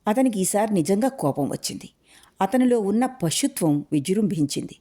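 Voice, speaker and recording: A woman reading a novel aloud as a storyteller, in an even, measured narration. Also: medium pitch.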